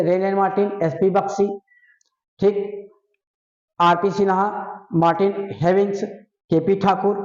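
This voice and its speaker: High-voiced coaching teacher in an echoey room. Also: male voice, a little mellow. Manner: repeats "ठीक है ना" as a check-in, coaxing and direct. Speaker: English exam coaching teacher. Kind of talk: casual coaching talk to students. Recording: echoey room, dull lo-fi sound.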